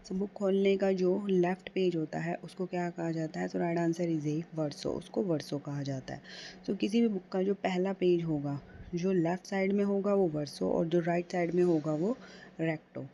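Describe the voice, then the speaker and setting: Woman, exam-prep teacher. Deliberate quiz reading, mellow tone, dull lo-fi audio. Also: fairly low pitch, steady tone, vocal fry, slight background noise. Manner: reads English questions slowly, explains in quick Hindi. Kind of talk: quiz-style lesson reading out multiple-choice answers.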